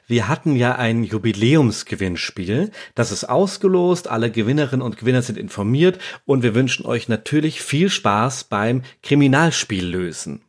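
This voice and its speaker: A man with a slightly raspy voice, presenting as a podcast co-host in a scripted narrative style. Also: medium pitch, animated, normal speed, few pauses.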